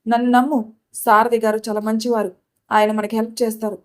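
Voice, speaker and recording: A woman's voice: on the high side, little pitch movement, brisk, close to an everyday voice. A woman voicing a caring, protective older sister who speaks firmly. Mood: comforting. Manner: comforting, then scolding.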